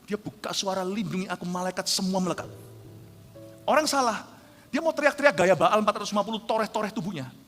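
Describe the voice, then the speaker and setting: A man in his forties, a pastor, preaching a lively storytelling sermon that swings from low asides to shouted punchlines. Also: fast. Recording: reverberant hall with faint music.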